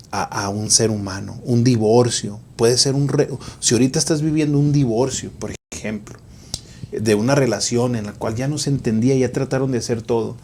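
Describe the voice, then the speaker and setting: Reflective low-voiced male podcast host. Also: vocal fry, a little mellow, a little hiss or hum. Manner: reflective, preacher-like encouragement. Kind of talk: interview with inspirational reflections.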